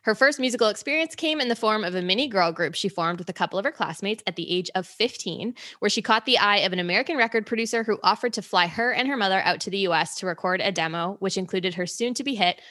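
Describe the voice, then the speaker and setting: A woman's voice: mid-range voice, lively intonation, quick pace, fairly bright tone, no room sound, studio quality. A woman hosting a casual music podcast over cocktails, bubbly and enthusiastic. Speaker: podcast host. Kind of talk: casual chat over drinks.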